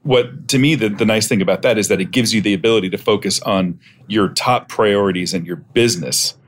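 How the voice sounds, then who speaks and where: A middle-aged man with a fairly low voice, speaking as a podcast guest. His talk is casual and explanatory, over faint background noise. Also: a little fast. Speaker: podcast guest, software testing expert.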